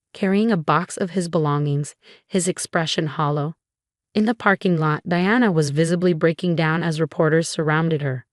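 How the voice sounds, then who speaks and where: A woman narrating a first-person revenge story in a steady, measured way. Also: fairly low pitch, dry recording, clean studio sound.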